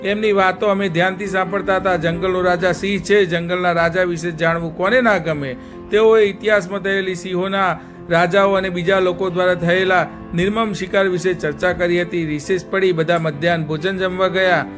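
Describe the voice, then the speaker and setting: Little schoolboy in a kids' story, earnest and chatty, a man doing it, high voice. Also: fairly even intonation, brisk, over music, natural voice. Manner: earnest, explaining at length. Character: young schoolboy, curious then frightened.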